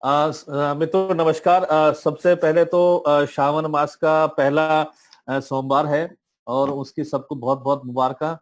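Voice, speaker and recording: A man speaking on an online meeting call, pitching a business plan in a motivational tone with many hesitant fillers. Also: steady tone, takes it slowly, faint music behind. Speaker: presenter of crypto network plan. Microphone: online call audio.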